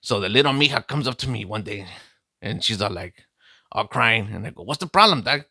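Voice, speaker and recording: In a comic character monologue, a man plays a boastful, heartbroken streetwise vato, swaggering through a slangy story and constantly calling the listener "dog." His lowish voice is animated, fairly quick, pushed and bright, heavily acted, in dry studio-quality sound with no echo.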